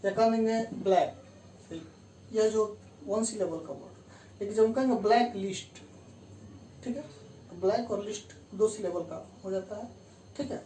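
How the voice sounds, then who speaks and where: A woman's voice: medium pitch, moderate pace, long pauses, mellow. Distant, roomy woman teaching grammar. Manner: explains step by step, repeats key terms and says "theek hai" to check understanding. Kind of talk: classroom lesson explaining grammar rules. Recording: distant roomy mic with faint room hum.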